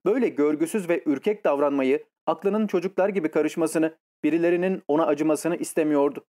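Warm-voiced male audiobook narrator. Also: on the high side, brisk. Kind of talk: scripted narration.

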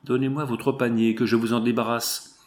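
A man's voice: medium pitch, flat delivery, normal speed, darkish tone, lightly acted. A man voicing a thin woman of about forty who is polite and fusses over her guest. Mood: fussing. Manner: polite, fussing.

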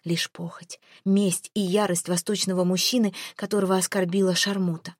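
A woman's voice: mid-range voice, flat delivery, a little fast, dry recording. Woman narrator, first-person romance audiobook, dramatic and emotional, drops to a whisper at times, dry close mic.

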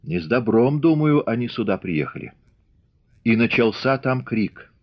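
A man's voice: medium pitch, lively intonation, unhurried, no room sound. A man voicing a frightened village woman in an audiobook, rambling and faltering in a folksy way. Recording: dull lo-fi audiobook recording.

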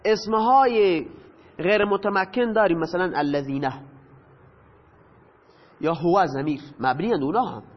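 A high-pitched man lectures patiently, posing questions and answering them himself. His voice rings with a long reverb. The sound is dull and lo-fi. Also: pauses often. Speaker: teacher. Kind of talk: lecture explaining Arabic grammar.

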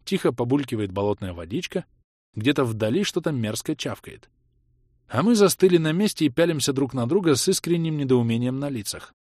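A man's voice: medium pitch, a little fast, no room sound, clean studio sound. A man narrating an audiobook expressively, voicing his hero's angry outbursts. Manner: lively reading, voicing his own hero's angry shouts.

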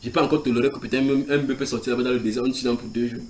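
Rapid-fire and mid-range, a man preaches in a house church, teaching from the Bible. He reads scripture aloud and puts questions to his listeners in an animated way.

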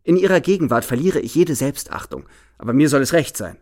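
A man giving a dramatic reading of a novel as a feverish young man in love, shifting between hushed words and sudden exclaiming. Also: a little high, expressive, a little fast. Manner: impassioned, swings from hushed to exclaiming. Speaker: narrator.

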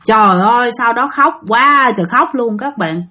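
Female storyteller, casual, talks straight to the audience, a bit high-pitched. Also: expressive, normal speed, pushed and bright. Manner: chatty, addresses listeners directly. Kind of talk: spoken ghost story narration.

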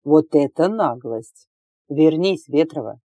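A big, irritable male officer barks and grumbles in a low, rough register, as a woman reading aloud puts him on. The voice stays mellow and dark in tone, close and dry. He sounds fed up with everyone in front of him. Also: lively intonation, slow pace, no room sound, exaggerated voice. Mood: indignant. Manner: barking, irritable. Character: gruff burly male officer examiner.

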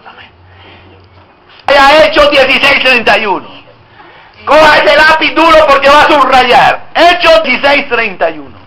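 A man's voice: very high-pitched, lively intonation, normal speed, pauses often, pushed and bright, rough recording. A male pastor preaching an emphatic sermon and prompting his congregation to answer back. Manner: emphatic, drawing call-and-response from the congregation.

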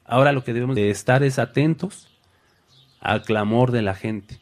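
A man delivers a sermon in a mid-range voice, addressing his listeners as brothers. He acts out Bible figures with sudden loud cries. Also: medium pitch, moderate pace. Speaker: preacher.

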